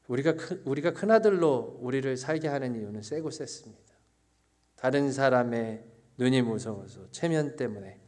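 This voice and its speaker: A man preaching a sermon in his own words, telling a story on himself with laughter, then slowing into quiet, searching reflection. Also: medium pitch. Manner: lively storytelling that turns slow and reflective. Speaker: pastor.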